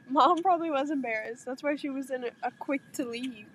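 Young woman, high pitch, casual storyteller, light background noise. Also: moderate pace. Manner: animated storytelling, acts out quotes. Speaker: podcast co-host. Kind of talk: casual chat.

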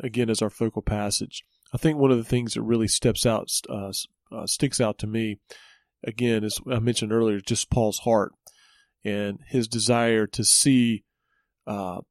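A man hosting a church podcast, speaking in a relaxed, conversational way with frequent fillers, recorded in a studio. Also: fairly low pitch, dry recording. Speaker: church ministry host. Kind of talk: casual church podcast teaching.

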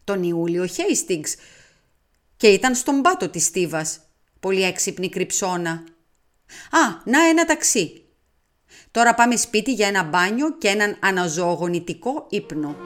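A woman's voice: lowish voice, lightly acted. Woman reading as a fussy Belgian detective. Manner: precise, self-assured, drops in French words. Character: fussy, vain middle-aged Belgian male detective. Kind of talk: audiobook character reading.

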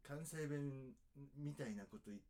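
A man's voice: mid-range voice, unhurried. A young man from Tokyo with a standard Tokyo accent, co-hosting a casual radio talk show. He teases and plays at being indignant. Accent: standard Tokyo Japanese. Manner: animated, teasing, mock-indignant. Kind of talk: casual chat.

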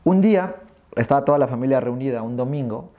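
Animated Mexican man telling stories. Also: medium pitch, quick pace. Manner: animated, acts out remembered dialogue. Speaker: guest. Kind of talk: storytelling in an interview.

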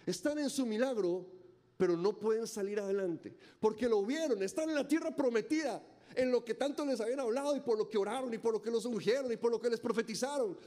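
A man delivers a sermon. His voice sits high yet sounds mellow and warm. He preaches dramatically, acting out voices and hammering rhetorical questions. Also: fairly quick. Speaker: pastor.

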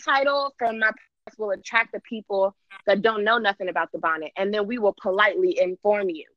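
A woman hosting a casual podcast with playful, slangy banter and frequent laughter, on a low-quality muffled call. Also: a little fast, no echo. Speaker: podcast host.

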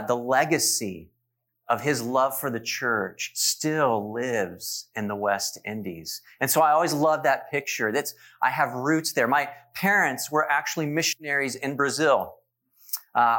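Speaking at a measured pace in a mid-range voice, this man is a pastor in his forties giving a sermon. His style is warm storytelling, broken up by asides addressed to the congregation.

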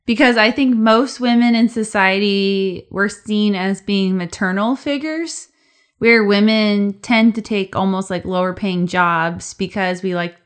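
A woman co-hosts a casual podcast. She thinks out loud, hedges her points, and fills her speech with "like". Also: medium pitch, a little slow, clear, resonant tone. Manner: thoughtful, hedging with "like". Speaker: podcast co-host.

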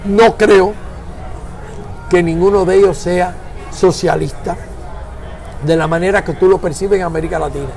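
A man's voice: high voice, steady tone, moderate pace, vocal fry, pauses often, a little mellow, soft background music, a faint crowd. An older man from Florida in a conversational interview, talking emphatically and searching for words, at times slipping into English. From Florida, United States.

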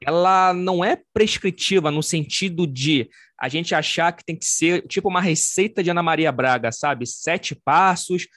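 A man's voice: on the high side, normal speed, hardly any pauses, a bit bright, no room sound, studio quality. A man with a Brazilian Portuguese accent hosting a podcast, explaining ideas with everyday examples and speaking to the listeners. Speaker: podcast host. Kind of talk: casual podcast conversation.

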